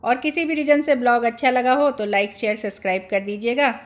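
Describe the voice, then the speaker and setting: A woman's voice: on the high side, fairly quick. A woman in her thirties vlogging about her housework in a casual, chatty way, explaining each chore step by step. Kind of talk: casual home vlog narration.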